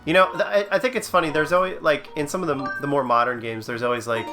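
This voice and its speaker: A man's voice: fairly high pitch, fairly even intonation, fast talker, bright, forceful tone, soft background music. A man hosting a let's play, chatting casually as he comments on the game.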